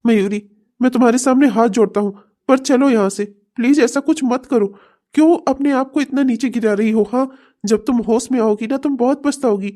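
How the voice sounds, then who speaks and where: A woman's voice: fairly high pitch, normal speed, mellow, lightly acted. A woman voicing a frustrated husband in a cartoon comedy, scolding his wife and then begging her to come home. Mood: pleading. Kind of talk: Hindi cartoon comedy voice acting.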